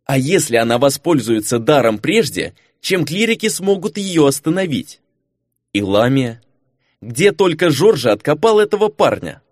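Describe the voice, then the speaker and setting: A man narrating a fantasy audiobook with an expressive reading. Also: medium pitch, normal speed, dry recording, clean studio sound.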